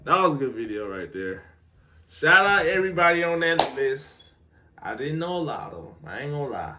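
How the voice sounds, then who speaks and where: A man's voice: fairly high pitch, very animated, moderate pace, background noise. A young man hosting a reaction video in casual, slangy chatter that often trails off into mumbles.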